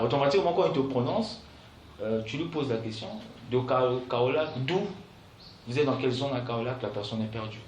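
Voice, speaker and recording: A male call center trainer, teaching a class and checking in with his students all the time. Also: mid-range voice. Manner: keeps checking in with "d'accord?" and "vous comprenez?"; repeats key phrases slowly for dictation. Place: training room. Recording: echoey room with faint background noise.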